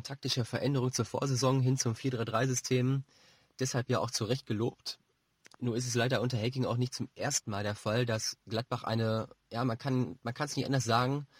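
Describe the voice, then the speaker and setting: A man giving football analysis as a pundit, measured and explanatory, feeling his way through phrases. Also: mid-range voice, no room sound. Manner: measured, explanatory, hesitant phrasing with repeated words.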